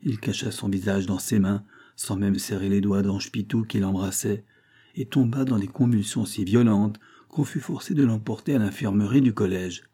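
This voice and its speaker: A man narrating a classic novel as an audiobook in a steady, measured reading voice. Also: fairly low pitch, slightly rough. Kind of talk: scripted narration.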